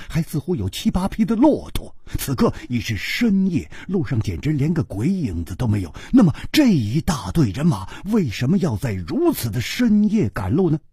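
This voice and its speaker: Very animated male storyteller. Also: on the high side, slightly rough, dry recording, clean studio sound. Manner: expressive, dramatic delivery. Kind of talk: Chinese storytelling narration.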